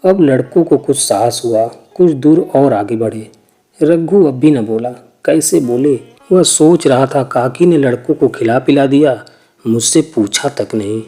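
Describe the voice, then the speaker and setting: Mellow male storyteller over soft music. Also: medium pitch, unhurried. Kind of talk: scripted story narration.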